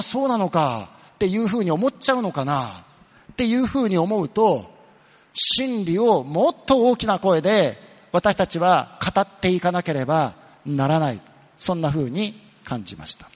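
Man, pastor, sermon, earnest, rhetorical questions, long hall echo. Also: high voice. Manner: earnest, questions the listeners then answers, slows down for emphasis.

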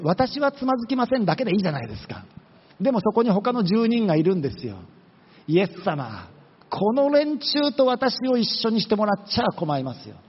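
A man's voice: sits high, slightly rough. A man preaching a sermon in a casual, conversational way, asking the listeners questions and acting out the words of the people in his story. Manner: conversational, acts out quoted voices, rhetorical questions. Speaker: pastor. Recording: dull lo-fi recording with long hall reverb.

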